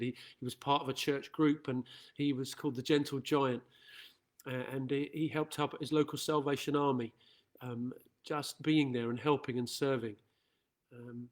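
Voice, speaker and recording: A man, a school chaplain, giving an earnest, reflective assembly talk. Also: medium pitch.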